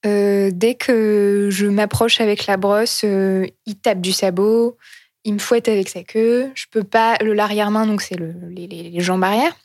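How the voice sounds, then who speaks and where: A woman telling a personal story in an earnest, halting way, often pausing to search for words. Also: medium pitch, steady tone, a little mellow, no room sound, clean studio sound.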